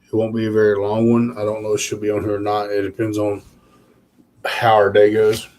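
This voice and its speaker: A man's voice: on the low side, monotone, brisk, a little mellow. A tired man, chatting casually with viewers on a live stream, rambling with lots of fillers. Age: 30s. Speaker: channel host.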